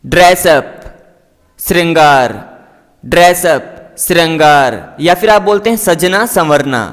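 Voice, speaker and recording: A man's voice: a little high, animated, slow pace, fairly bright tone, big-room sound. A man teaching English vocabulary, saying each word and its meaning twice in a patient, explanatory drill. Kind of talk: slow vocabulary drill lesson.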